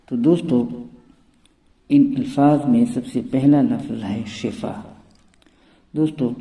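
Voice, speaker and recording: Dark-voiced man teaching pronunciation. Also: medium pitch. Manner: measured, repeats "friends" often. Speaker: educational channel host. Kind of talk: scripted pronunciation lesson. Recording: echoey room with long reverb.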